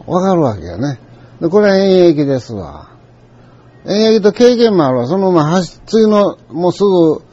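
Husky Kansai man telling a story. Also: mid-range voice, warm tone. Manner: rambling, conversational, full of asides. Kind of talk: storytelling monologue. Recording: dull lo-fi recording.

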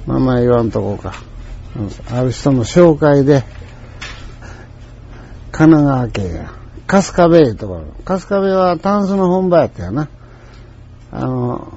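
An older man with an Osaka Kansai accent, casually telling a story from his merchant days, chatty, acting out the voices of the people in it and often clearing his throat. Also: medium pitch, dark tone, slight background noise. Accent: Osaka Kansai Japanese. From Osaka, Japan. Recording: dull lo-fi recording.

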